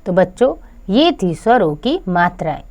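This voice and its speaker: A woman's voice: on the low side, big pitch swings, moderate pace, darkish tone. A woman narrating a children's grammar lesson in a scripted, careful way, speaking directly to the kids. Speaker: teacher.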